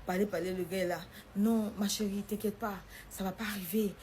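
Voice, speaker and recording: A young woman tells a personal story, acting out the quoted lines in a lively way. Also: medium pitch, fairly quick, slight background noise.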